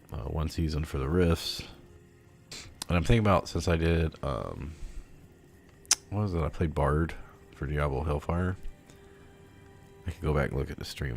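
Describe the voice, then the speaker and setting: A tired man streaming a game late at night, rambling through his plans with casual swearing and lots of fillers. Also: a bass voice. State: sleepy, yawning. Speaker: gaming streamer. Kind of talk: casual gameplay commentary.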